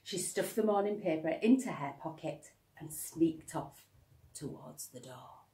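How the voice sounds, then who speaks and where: Lady teacher reading a kids story, slow and lowish voice, echoey room. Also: animated, dark tone. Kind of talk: children's storybook narration. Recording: echoey room, slightly distant microphone.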